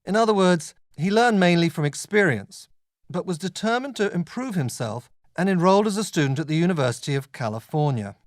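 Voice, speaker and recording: A man performing as a scholarly male literature lecturer with a slightly raised pitch. He explains things in deliberate, measured phrases, as in a scripted academic lecture. The sound is dry, with little room echo. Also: expressive. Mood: measured, explanatory.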